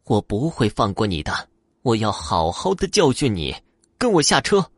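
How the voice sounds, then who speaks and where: A menacing old ghost woman, voiced by a male storyteller, who swings from shrill shouted threats to slow, low, wheedling murmurs. The delivery moves widely in pitch and stays close and dry. It suits a spooky storybook reading. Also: huge pitch swings, dry recording. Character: old woman ghost on a night bus, fierce then kindly.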